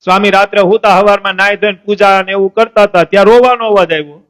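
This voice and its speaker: A man delivers a storytelling sermon in a temple assembly. His voice sits high for a man. He keeps asking his listeners questions and answers them himself, and he acts out the voices of saints and devotees. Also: steady tone, fast talker, fairly bright tone. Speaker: lay preacher.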